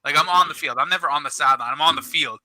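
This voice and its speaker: A man's voice: a little high, rapid-fire, no room sound, low-quality recording. A middle-aged man, a youth football coach telling a story on a casual podcast, acting out quoted lines and swearing. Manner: animated, swears, acts out quoted dialogue.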